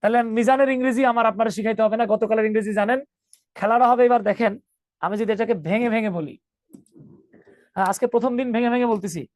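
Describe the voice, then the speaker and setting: A man's voice: high-pitched, fairly even intonation, a little fast, pauses often, dry recording. A man teaching an online English grammar class, joking with students and calling them 'baba'.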